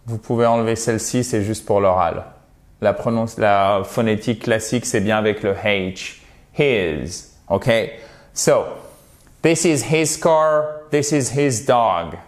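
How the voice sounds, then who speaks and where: Slow, patient male language teacher. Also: fairly low pitch. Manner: spells out and repeats example phrases slowly; checks in often with short questions. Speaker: English teacher. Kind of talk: language lesson.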